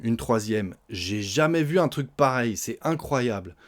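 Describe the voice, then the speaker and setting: A man gives a spoken French lesson at an average pitch. He explains everyday phrases, then acts them out in lively little example scenes. He often ends lines with a short tag word. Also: measured pace. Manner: frequent tag "hein". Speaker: French teacher.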